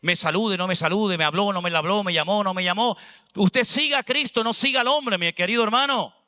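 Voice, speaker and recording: Male pastor, high bright voice, animated sermon, long hall echo. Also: brisk. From Spain. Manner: animated, preaching with conversational asides and acted dialogue.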